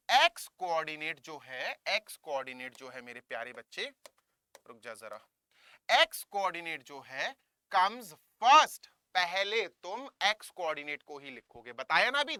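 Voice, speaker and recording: A man with an Indian accent teaches a maths class in a lively, coaxing way, his voice swooping up and down. His tone is bright and crisp. The sound is dry and close to the mic. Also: high voice, no echo. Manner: lively, coaxing, mixing Hindi and English, calls students kids. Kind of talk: online classroom lesson.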